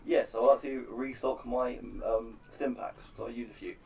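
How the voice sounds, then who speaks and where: A man's voice: medium pitch, steady tone, normal speed, a little hiss or hum, lightly acted. Male player doing a meek robot nurse in a tabletop game, haggling, distant and dull line. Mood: polite haggling. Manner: hesitant, haggling politely. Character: polite robot nurse, genderless machine.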